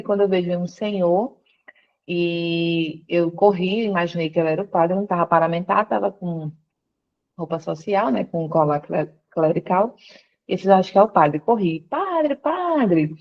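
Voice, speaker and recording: Calling in from her workplace, a woman gives a conversion testimony interview, narrating her story and acting out what other people said with lively vocal shifts. She has a lowish voice, and the recording sounds muffled.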